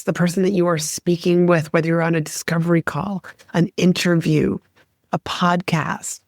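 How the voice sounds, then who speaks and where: Low-voiced woman podcast coach. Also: darkish tone, no room sound, studio quality. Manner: deliberately shifts between fast and slow delivery; coaching, addresses listener directly. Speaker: podcast host and speaking coach. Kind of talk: solo podcast teaching.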